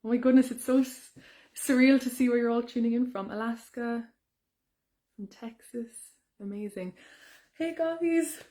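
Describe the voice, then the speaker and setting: A young woman, a singer, chatting brightly with fans during a live Q&A, with many ums and restarts. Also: on the high side, moderate pace, long pauses. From Ireland. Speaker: singer hosting a fan Q&A. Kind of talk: casual live-stream chat. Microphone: phone or webcam on a live stream.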